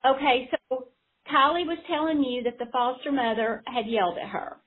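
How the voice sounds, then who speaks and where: A woman's voice: high voice, moderate pace, breathy edge. A caseworker, a woman, insistently explaining her side at length on a phone call. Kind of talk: phone conversation. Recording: tinny phone line.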